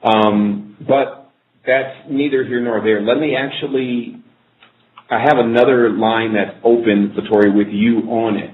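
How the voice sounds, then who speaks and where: A man's voice: medium pitch, fairly even intonation, unhurried, a little hiss or hum. A man hosting a live internet radio show from an office, talking loosely and rambling while he sorts out technical problems on air. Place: office in a corporate building. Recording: echoey, tinny phone-like line.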